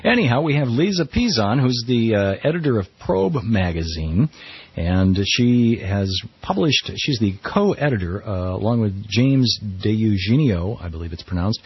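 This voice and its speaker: A man's voice: fairly low pitch, very animated, measured pace, husky, dry recording. An American man hosting a radio talk show, phrasing things in a hesitant, self-correcting way. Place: radio studio. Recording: slightly muffled radio broadcast, dry studio.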